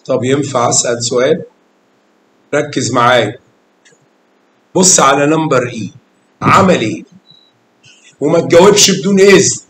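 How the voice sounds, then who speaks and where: A man's voice: mid-range voice, normal speed, long pauses, a bit bright, slight background noise. A man with an Egyptian Arabic accent teaching math to a class of children, coaxing them with questions and calling pupils by name with endearments. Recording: echoey classroom.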